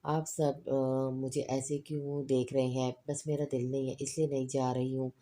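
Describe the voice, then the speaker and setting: A woman reading the lines of a listless, reluctant young woman student in a storybook, speaking quietly. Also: very deep voice, little pitch movement.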